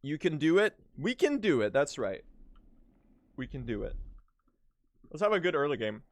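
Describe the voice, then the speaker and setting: A man's voice: fairly high pitch, very animated, normal speed, no echo. A young man from Sweden chatting and joking with his chat while speedrunning a game. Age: young adult. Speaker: speedrunning streamer. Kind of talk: casual live-stream chat.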